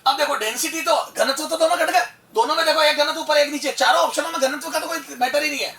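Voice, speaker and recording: High, bright-voiced male physics teacher. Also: fast talker, far from the mic. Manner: animated, asks rhetorical questions, calls listener son. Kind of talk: exam-prep lecture. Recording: echoey room, voice off-mic.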